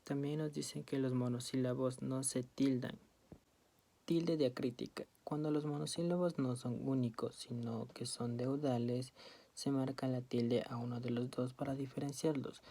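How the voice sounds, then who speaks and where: A woman reading study notes aloud as a student presenter, in a steady, list-like way. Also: a bass voice, moderate pace.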